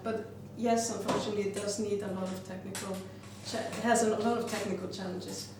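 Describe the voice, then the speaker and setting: An Icelandic glass artist presents her work thoughtfully, often pausing to find the right words. Her mid-range voice is steady and brisk. The recording is very roomy, with a distant mic and a noisy background.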